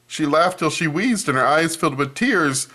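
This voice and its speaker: With a slightly high voice at normal speed, a man performs a children's picture book aloud in a storyteller's style, chatting about the pages as he turns them.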